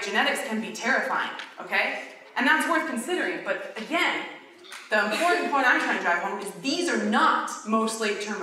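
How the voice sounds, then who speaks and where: A woman giving an animated conference talk with slides, often checking in with the audience. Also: mid-range voice, slight background noise. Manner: animated, emphatic, frequent "okay?" tags. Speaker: conference speaker. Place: lecture hall. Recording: echoey hall from far off.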